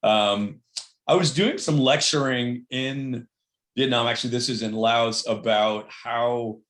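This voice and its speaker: A man's voice: mid-range voice, takes it slowly, fairly bright tone, reverberant. A man giving a casual, upbeat online presentation, talking with many fillers on a video call. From Cleveland, Ohio.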